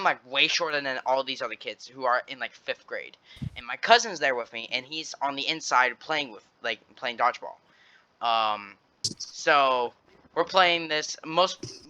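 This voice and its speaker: A teenage boy tells a school story on his podcast in a loose, rambling way, doubling back on himself and trying again. His voice is bright and fairly high, and the audio comes through dull and lo-fi. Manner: rambling, with many restarts and fillers. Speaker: podcast host. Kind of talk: casual storytelling.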